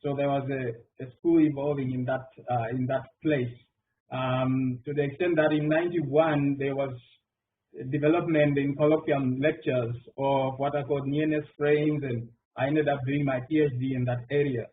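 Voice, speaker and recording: The speaker is a middle-aged mathematician from Zimbabwe giving a round table answer on a panel, his talk studded with fillers and restarts. He has a mid-range voice with a steady tone and normal speed. A distant mic captures him through phone-like online call audio with faint noise.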